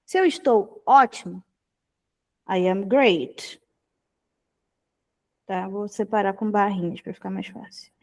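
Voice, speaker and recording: With a mid-range, darkish voice, a young woman from Brazil leads an English lesson on a video call. Her manner is explanatory and patient, peppered with frequent "tá?" check-ins, and she slowly repeats phrases for her students.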